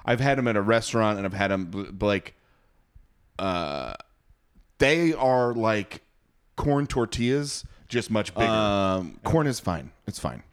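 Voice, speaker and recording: Laughing, swearing podcast co-host. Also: male voice, lowish voice, lively intonation, a little slow, clear, resonant tone. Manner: laughing, swearing, repeats himself. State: sweaty and hot. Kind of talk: casual chat.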